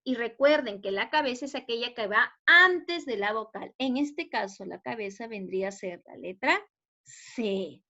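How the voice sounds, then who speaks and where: A woman with a Peruvian Spanish accent teaching a spelling lesson to students, explaining patiently and checking understanding with quick questions. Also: fairly high pitch, fairly bright tone. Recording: dull lo-fi recording.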